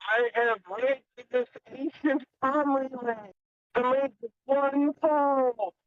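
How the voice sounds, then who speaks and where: A man talking through a distorted, mistuned ham radio that is losing power, halting and repeating himself through the static. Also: very high voice. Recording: tinny, phone-like radio signal.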